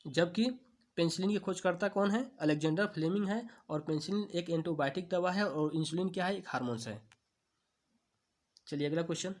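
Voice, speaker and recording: Man teaching quiz answers in Hindi style. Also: a little high. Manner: repeats each answer as a question and reply; slow, drawn-out stresses on key terms. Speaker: exam coaching teacher.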